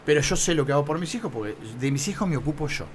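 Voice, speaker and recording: A man's voice: a little high, expressive, rapid-fire. Rioplatense man in his fifties, noisy room. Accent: Rioplatense Spanish. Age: 50s. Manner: hesitant, trailing off and restarting. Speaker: optician and shop owner. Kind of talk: casual interview chat.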